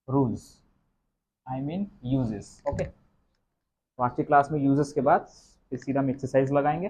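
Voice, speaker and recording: A man's voice: fairly high pitch, darkish tone, poor audio. A man teaching English grammar in a classroom lecture, explaining step by step and asking the class questions, with an Indian accent.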